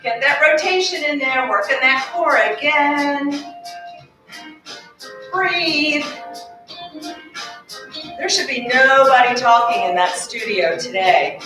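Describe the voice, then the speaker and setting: A woman's voice: high voice, slow, long pauses, recorded from a distance. A woman fitness instructor leading an exercise class in a carpeted studio, cueing moves while exercising and slightly out of breath. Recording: very echoey room, voice off-mic, faint music.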